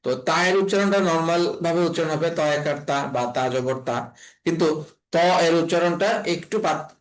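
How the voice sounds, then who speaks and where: A man from Bangladesh teaching an online class on letter pronunciation, speaking slowly and repeating each sound several times. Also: fairly high pitch, low-quality recording. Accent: Bangladeshi Bengali. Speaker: Quran reading teacher.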